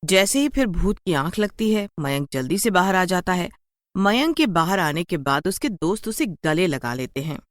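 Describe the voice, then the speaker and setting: Reading a children's horror story from a script, this woman uses a sing-song delivery at moderate speed in a fairly low voice. The sound is close-miked and dry, without any echo.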